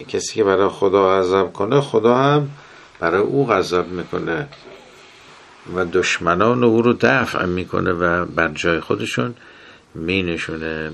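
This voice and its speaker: A man with a very low, gravelly voice delivers a religious lecture on management. He quotes Arabic sayings and moves between sudden emphatic rises and quiet, trailing drops. The rasp sits under every word.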